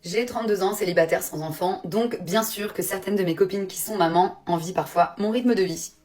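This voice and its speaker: A woman in her thirties chatting to camera in a playful, teasing way. She comes back to the same refrain again and again and laughs along the way, in a middle-pitched voice. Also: brisk, a little mellow, soft background music. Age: 30s. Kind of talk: casual monologue to camera.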